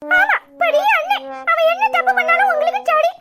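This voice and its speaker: A woman's voice: very high-pitched, fairly even intonation, normal speed, over loud music. Avanthi, a whiny cheeky schoolgirl. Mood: complaining. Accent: Tirunelveli Tamil. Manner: whiny, pleading, talks nonstop. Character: cheeky chatterbox schoolgirl, sulky and pleading. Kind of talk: cartoon voice acting.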